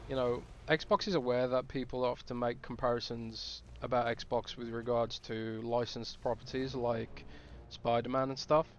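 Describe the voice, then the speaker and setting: A man's voice: mid-range voice, flat delivery, normal speed, muffled recording, a little hiss or hum. A man streaming a game, chatting casually and thinking aloud with restarts. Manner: rambling, thinking aloud with fillers.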